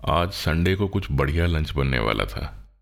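A man's voice: rumbling low, animated, unhurried, gravelly, heavily acted. Man as a wry, resigned father. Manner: dry, resigned humor. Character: quiet, wry middle-aged father. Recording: loud guitar music behind.

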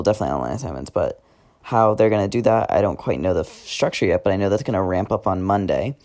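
A teenage guy records a casual diary podcast at home late at night. His voice sits on the low side. He rambles, fills pauses with "um" and "like", and often backs up to correct himself. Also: warm tone. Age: teens. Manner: rambling, many fillers and self-corrections. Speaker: podcast host.

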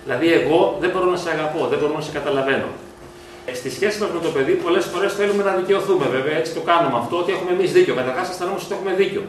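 A man with a slightly high voice gives a reflective lecture to parents and often asks them rhetorical questions. He is recorded from a distance in a school hall with heavy echo. Faint noise sits under his voice. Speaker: psychologist. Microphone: distant from the mic. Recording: echoey hall from far off.

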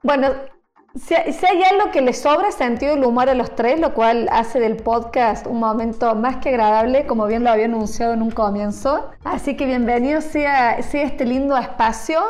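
A woman from Argentina co-hosting a podcast, lively and quick to laugh. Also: on the high side. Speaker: podcast co-host. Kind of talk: casual chat.

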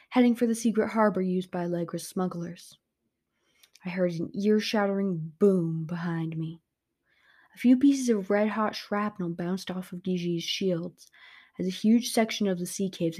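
A woman narrating a first-person adventure audiobook in a lively, expressive way. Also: mid-range voice, normal speed.

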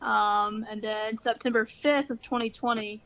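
A woman's voice: on the high side, steady tone, a little slow, fairly bright tone. A woman heard over a phone on speakerphone, talking in an easygoing, hesitant way with fillers, as a guest on a call-in show. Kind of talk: casual phone interview. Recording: muffled phone line.

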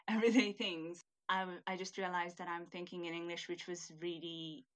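A young Hungarian student, a native Hungarian speaker, chats casually in English as an interviewee, often laughing and searching for words. Her voice is fairly low, with a flat delivery at a moderate pace.

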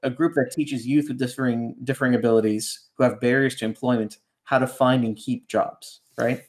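A man raised in Canada talks through his ideas as a ghostwriter on a podcast, his voice sitting at an ordinary middle pitch. He circles back, restarts his thoughts and keeps tagging them with a questioning "right?", relaxed and conversational. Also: normal speed. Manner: reflective, rambling, keeps asking "right?". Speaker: ghostwriter guest.

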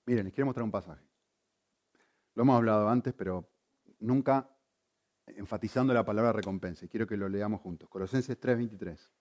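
A man preaching a sermon, swinging between loud emphasis and quiet, intense asides. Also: lowish voice, fairly quick, pauses often. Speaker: pastor.

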